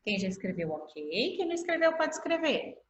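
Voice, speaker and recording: Patient Brazilian teacher on an echoey call. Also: female voice, a little high, sing-song. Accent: Brazilian Portuguese. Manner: patient, stretches words slowly to spell them out. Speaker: primary school teacher. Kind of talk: online class explanation. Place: home room on a video call. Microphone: laptop mic on video call. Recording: echoey video-call audio.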